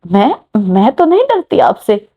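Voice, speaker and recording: A woman's voice: a little high, wildly swooping pitch, measured pace, breathy edge, exaggerated voice. A woman voicing a bold young woman who gets flustered, in a romance story. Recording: muffled lo-fi recording.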